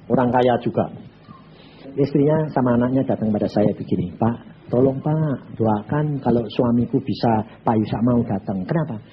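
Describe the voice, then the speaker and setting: A man's voice: mid-range voice, phone-quality sound, noisy background. A man preaching a sermon, telling stories bluntly and acting out both sides of the conversations. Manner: blunt, animated storytelling, acts out both sides of dialogues. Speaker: evangelist preacher. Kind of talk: sermon with acted-out anecdotes.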